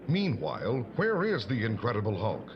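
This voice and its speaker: A dramatic superhero comic narrator, swoopy delivery, bit muffled, music behind. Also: male voice, fairly low pitch, wildly swooping pitch, normal speed, slight background noise. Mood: portentous. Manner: portentous, dramatic. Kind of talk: scripted narration. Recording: dull sound with music behind.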